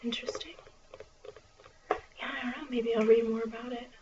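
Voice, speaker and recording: A woman doing an ASMR role-play as a friendly, chatty small-town librarian, speaking in a soft, murmured library soft voice. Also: a little high, level tone, quick pace. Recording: distant, muffled, clearly noisy recording.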